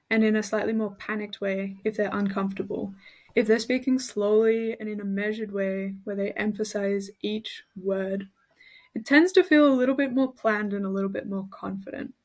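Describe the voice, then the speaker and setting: This Australian tutor explains study tips in a clear, step-by-step way, stressing points with her own voice. She has a mid-range, slightly mellow voice, a steady tone, and a normal speaking speed.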